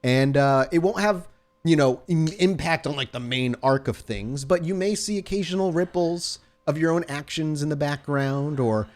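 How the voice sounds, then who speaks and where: Informal podcast banter gives way to slow role-playing-game scene narration from this male host and storyteller. His voice is on the high side with a darkish tone, and he keeps a moderate pace.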